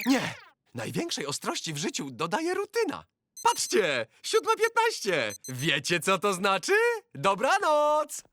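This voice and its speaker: A man's voice: extremely high pitch, exaggerated voice. An actor playing a fussy young male superhero who lectures dramatically in a cartoon dub. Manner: preachy, dramatic, sing-song.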